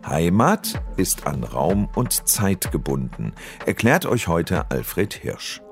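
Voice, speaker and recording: A man hosting a radio lecture program, presenting in a scripted, lively way and speaking directly to listeners. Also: low-pitched, slow pace, faint music behind. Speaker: radio show host. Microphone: studio microphone. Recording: dry studio sound.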